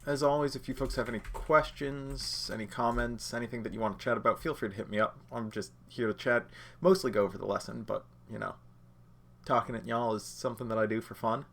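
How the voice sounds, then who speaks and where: A judge training instructor teaches a livestreamed lesson in a relaxed, chatty way, speaking directly to his viewers. He's under the weather, so his medium-pitched voice sounds a bit nasal, and he talks a little fast with some vocal fry.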